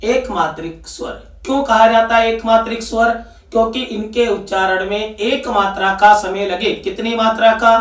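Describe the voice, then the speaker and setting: A man with a Rajasthani Hindi accent teaches an exam-prep Hindi grammar lesson, repeatedly posing questions and answering them himself. His voice sits high at a moderate pace, picked up from a distance in an echoey room.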